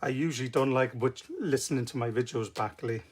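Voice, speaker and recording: A man's voice: medium pitch, a little fast. Welsh man demonstrating crafts, noisy recording. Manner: informal, step-by-step explaining. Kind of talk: casual live craft tutorial. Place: indoor craft table. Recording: noticeable background noise with clicks.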